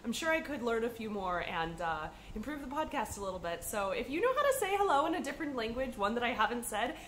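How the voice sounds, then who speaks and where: This podcast host, a woman from the United States, rambles cheerfully to camera, saying um often and sniffling a bit with a cold. She speaks fast in a higher register with wide swings in pitch, and a little noise can be heard behind her.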